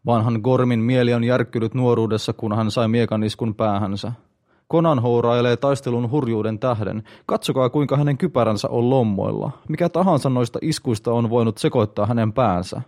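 A man's voice: medium pitch, darkish tone, lightly acted. A man voicing a scornful warrior who scoffs at tales, in an audiobook reading. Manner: scoffing, grumbling. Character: scornful burly male warrior.

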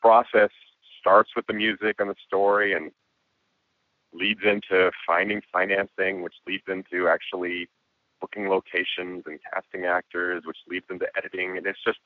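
A man with a hoarse voice, a guest musician and filmmaker talking reflectively in a casual interview. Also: low voice, level tone, moderate pace, no room sound. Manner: reflective, with frequent restarts and laughs. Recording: tinny phone-like line.

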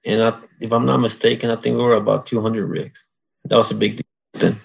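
A man from Mexico speaks in a relaxed interview. His voice is gravelly and a bit husky. He talks plainly, with a dry sense of humor. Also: fairly low pitch, a little fast, rough recording. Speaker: guest, oilfield solids control worker. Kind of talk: casual interview.

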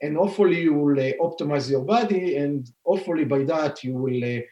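In a podcast interview with a roomy echo, a forty-something scientist and founder with an Israeli accent talks through his work. He speaks briskly in a fairly high yet dark-toned voice, peppering his explanation with fillers and restarts.

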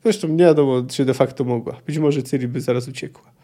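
A man's voice: mid-range voice, quick pace, dark tone. A man hosting a book podcast, thinking aloud with frequent hesitations and restarts. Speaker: podcast host. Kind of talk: casual book discussion.

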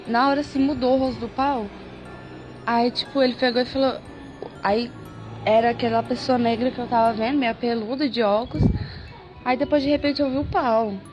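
A woman tells a personal story in a loose, casual way, piling on slang and repeating words for emphasis. Her voice sits a little high. Music plays clearly under her. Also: dull audio.

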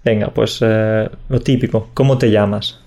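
Young man teaching phrases slowly. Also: on the low side, steady tone, vocal fry, warm tone. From Catalonia. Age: 20s. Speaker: podcast co-host. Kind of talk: casual podcast chat.

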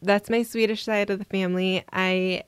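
A woman from Minnesota, a guest on an interview podcast, telling her personal story in a reflective, soft-spoken way. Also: medium pitch, steady tone, normal speed, clear, resonant tone, dry recording, studio quality. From Minnesota, USA. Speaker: guest adoptee.

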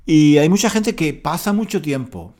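A man with a slightly high voice teaches Spanish pronunciation to learners. His pitch swings up and down a lot as he explains. He often restarts or repeats a word before carrying on. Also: moderate pace. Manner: lively, repeats and restarts words while explaining.

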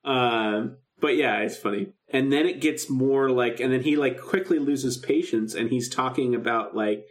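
A man with a mid-range voice and moderate pace co-hosts a podcast, casually reviewing a radio drama. He sounds like an enthusiastic fan, acting out lines in little asides.

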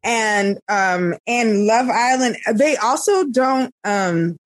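Animated-talking Brooklyn woman, dry close sound. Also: on the high side, slow, dry recording. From Brooklyn, New York, USA. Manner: emphatic, sweary storytelling with frequent "you know". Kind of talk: casual pop-culture chat.

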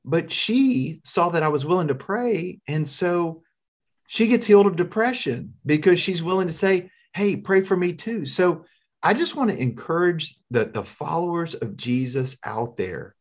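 A man's voice: a little high, animated, a little slow. A man telling a healing testimony in an earnest, conversational way, often repeating words as he starts. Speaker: minister sharing a testimony.

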